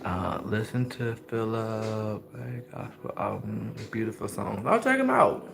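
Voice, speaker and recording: A man's voice: on the low side, very animated, a little slow, creaky. A man vlogging a casual mukbang, rambling on as he eats and talking with his mouth full. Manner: rambling, chats while chewing.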